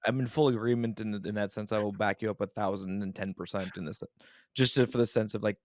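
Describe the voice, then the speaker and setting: Stumbling emphatic man, lowish voice. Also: fairly even intonation, fast, darkish tone, no room sound, clean studio sound. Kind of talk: casual podcast chat.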